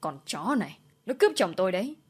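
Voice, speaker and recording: A woman's voice: very animated, husky. A woman voicing a vicious older woman who hurls abuse, in a storybook reading. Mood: furious. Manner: shrill, fast, abusive.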